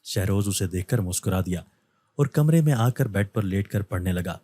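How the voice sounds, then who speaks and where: A man narrating a scripted story in a low, mellow voice. His reading is steady and measured, and the recording is dry and close. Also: dry recording.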